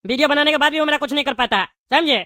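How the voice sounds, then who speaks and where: Woman as bald cartoon politician man: boastful, cowardly, quick and shrill, dry sound. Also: sharp tone, no room sound. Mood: blustering. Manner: whiny, blustering then grovelling. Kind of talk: cartoon voice acting.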